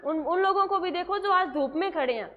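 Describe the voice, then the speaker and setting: A woman's voice: extremely high pitch, a little fast, phone-quality sound. A woman teaching a nursing class in a lecture style, asking questions and answering them herself.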